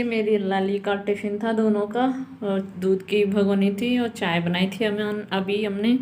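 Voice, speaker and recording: A woman's voice: medium pitch, darkish tone. A tired woman vlogging about her day at home, rambling on casually while she does her chores. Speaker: mom vlogger. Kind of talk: casual chatty home vlog narration. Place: home kitchen.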